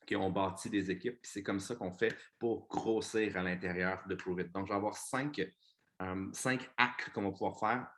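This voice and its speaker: A man with a Québécois French accent and a low-pitched voice, speaking at normal speed, gives his business team an energetic pep talk. He swears casually and mixes in English words.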